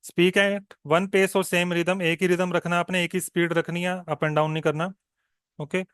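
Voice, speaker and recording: Higher-voiced tutor, smooth and clear. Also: male voice, little pitch movement, a bit bright, no echo, studio quality. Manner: mixes Hindi and English, checks in with frequent "okay?"; slow, deliberate when modelling answers. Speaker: exam coaching tutor. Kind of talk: online exam-prep lesson.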